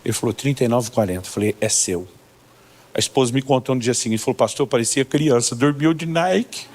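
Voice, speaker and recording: A middle-aged Brazilian pastor preaching in a mid-pitched male voice. He tells funny personal stories and plays out each side of the dialogue himself, shifting between his own reactions and the other voices. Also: fast, darkish tone, a little hiss or hum. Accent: Brazilian Portuguese. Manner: humorous storytelling, acting out dialogues with God and church members. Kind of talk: sermon.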